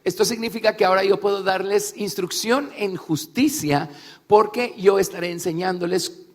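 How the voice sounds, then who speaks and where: A man with a notably high voice interprets a religious talk for listeners. He delivers it phrase by phrase with measured emphasis, and his words carry a long hall echo. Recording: echoey hall, long reverb.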